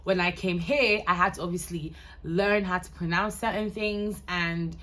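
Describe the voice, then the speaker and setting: A woman's voice: fairly low pitch, fairly even intonation, moderate pace, fairly bright tone. A young woman from Ghana with a mixed American, Ghanaian and London accent, chatting candidly to camera in a rambling, casual way. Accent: mix of American, Ghanaian and London. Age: young adult. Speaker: vlogger.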